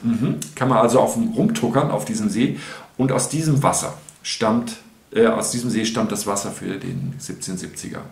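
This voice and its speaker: A man's voice: lowish voice, a little fast, gravelly. Chatty man in his sixties, roomy sound. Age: 60s. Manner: chatty, rambling with many restarts and fillers. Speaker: whisky review host. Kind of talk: casual chat. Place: home room with shelves.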